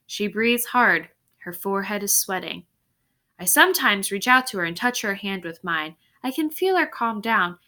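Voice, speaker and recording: Her mid-range voice pushed and bright, a teacher reads a story to her class with expression. Instructive comments punctuate the reading, and tag questions confirm the children are following.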